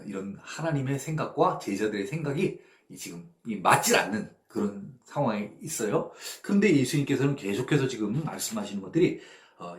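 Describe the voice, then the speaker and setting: A male pastor leading a Bible study with a lively voice that swings widely in pitch. He keeps asking his listeners if they follow, and now and then he acts out voices and sounds. The room around him is echoey. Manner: asks the audience "예?" and "그쵸?" to check they follow.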